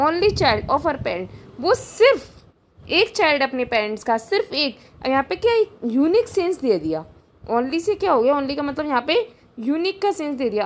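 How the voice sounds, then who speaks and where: Woman, high pitch, grammar teacher, exam-prep lesson, rhetorical questions, repeats key points, close mic. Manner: reads example sentences slowly and drawn out.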